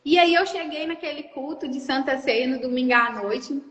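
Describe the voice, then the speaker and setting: A Brazilian woman with a high, bright voice shares an earnest, heartfelt testimony. Her words ring through a roomy hall, with a long echo hanging behind each phrase. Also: normal speed. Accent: Brazilian Portuguese. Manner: earnest, heartfelt, tearful at times. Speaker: guest sharing testimony. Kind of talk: emotional personal testimony.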